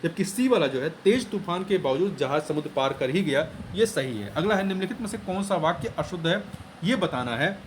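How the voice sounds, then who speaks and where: Exam tutor, male, high-pitched, methodical and repetitive delivery, faint noise under the voice. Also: expressive, fairly quick. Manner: explains step by step, repeats key words, plain teaching tone. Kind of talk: exam answer explanation lesson.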